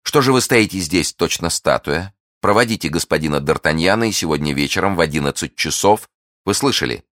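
A man voicing a cold, scheming noblewoman in an audiobook, speaking softly and with restraint. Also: deep voice, lively intonation, a little fast, no room sound, clean studio sound. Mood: commanding. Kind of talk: audiobook character reading.

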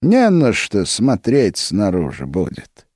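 A fervent, half-mad tsar, as a male narrator puts him on, who murmurs secrets low and then rings out in triumph. His voice climbs high and swings widely. Recorded close and dry for an audiobook. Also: huge pitch swings, takes it slowly, a little mellow, breathy edge, dry recording, exaggerated voice. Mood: triumphant. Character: exalted, secretive tsar, adult man.

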